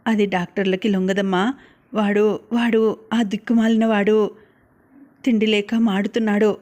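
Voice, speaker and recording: A woman voicing a grieving elderly grandmother who speaks in halting, tearful pleas. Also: mid-range voice, little pitch movement, darkish tone, lightly acted. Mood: sorrowful. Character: grieving elderly grandmother fretting over her son.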